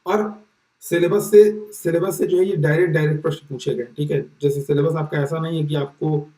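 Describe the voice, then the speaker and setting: A man's voice: fairly high pitch, fairly even intonation, a little fast, mellow. A man teaching an exam-prep lesson in a casual, explanatory way, often checking in with his listeners and restarting his sentences. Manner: repeats "ठीक है" as a check-in, many fillers and restarts. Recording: roomy echo, distant mic.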